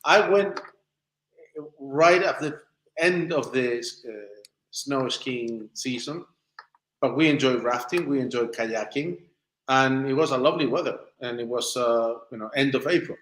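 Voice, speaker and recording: This documentary maker, a native Spanish speaker from Chile and southern Spain, answers interview questions informally and unhurriedly, groping for words. His mid-range voice is fairly bright, and the roomy, echoing recording carries a little hiss or hum.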